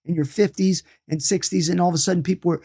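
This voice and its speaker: In a loose, conversational lesson on energy healing and meditation, a man in his late fifties keeps restarting, repeating himself and wandering into asides. His voice sits high and steady, with a quick pace, a creaky texture and a dark tone.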